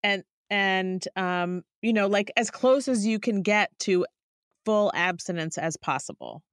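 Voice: mid-range voice, a little slow, a bit bright, clean tone, no echo, studio quality. A podcast co-guest agreeing and adding brief points in casual talk.

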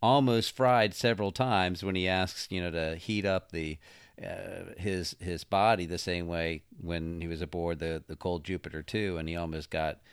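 A man's voice: sits low, steady tone, normal speed, clear, resonant tone, no room sound, studio quality. A man co-hosting a podcast, talking casually and jokingly about a TV episode, laughing as he goes. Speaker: podcast co-host.

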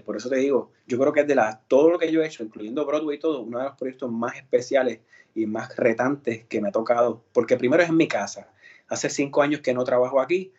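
Warm and husky at medium pitch, a man from Puerto Rico who acts and sings shares his story in a loose interview. His Puerto Rican Spanish accent comes through amid many fillers and restarts, all on lo-fi sound.

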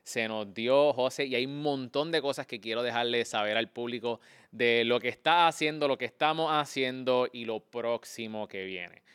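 Upbeat podcast host. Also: male voice, mid-range voice, normal speed, a bit bright, clear, resonant tone. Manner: enthusiastic, slangy, addresses listeners as "mi gente". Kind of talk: casual podcast interview with ad reads. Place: podcast studio.

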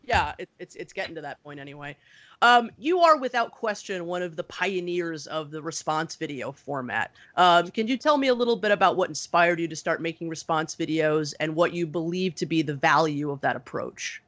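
High-voiced, deferential male interviewer. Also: animated, normal speed, a bit bright, dry recording. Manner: hesitant, deferential, agreeable. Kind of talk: casual interview questioning.

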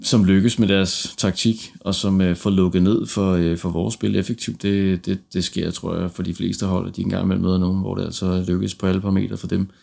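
Male football podcast host, very deep with vocal fry, tentative and conversational. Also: little pitch movement, few pauses, mellow. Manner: tentative, circles around his points. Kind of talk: casual football discussion.

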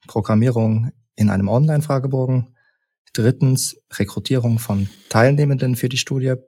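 A man from Leipzig, a researcher and lecturer, calmly explaining study results point by point as a podcast guest. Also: fairly low pitch, breathy edge. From Leipzig, Germany. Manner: measured, structured, lists points in order. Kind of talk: explanatory interview talk.

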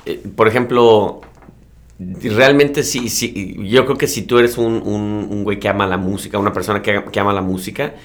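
A man's voice: lowish voice, steady tone, normal speed, slight background noise. A Mexican man co-hosting a casual podcast chat, joking and slangy, laughing often. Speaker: podcast co-host.

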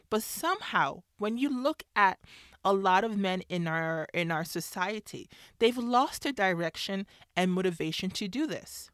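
A woman's voice: mid-range voice, a bit bright, no room sound, clean studio sound. A woman telling a personal story about her marriage in a conversational way, sometimes acting out what others said. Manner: conversational, acts out quoted voices. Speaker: speaker sharing a faith-based marriage story.

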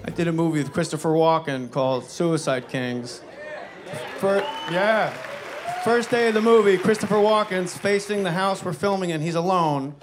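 A man doing stand-up comedy, telling a story in an animated, incredulous way with swearing, recorded live with noise behind him. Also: sits high, moderate pace, music in the background, a crowd in the background.

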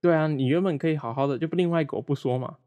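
Rapid-fire and warm, with a voice on the high side, a young Malaysian man chats casually over a remote call as a guest. The former roommate rambles, restarts often and makes fun of himself.

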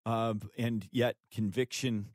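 A man's voice: lowish voice, steady tone, slow pace, a little mellow, no room sound, studio quality. A man co-hosting a faith-based podcast, speaking earnestly and emphatically, like a preacher. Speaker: podcast co-host, author. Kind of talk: faith-based conversational talk.

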